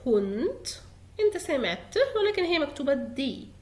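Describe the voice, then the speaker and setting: Young Egyptian-accented woman, a bright, high, lively teacher who repeats words slowly and patiently. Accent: Egyptian Arabic. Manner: patient, repeats each example word slowly. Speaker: German pronunciation teacher. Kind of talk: explanatory lesson in Egyptian Arabic.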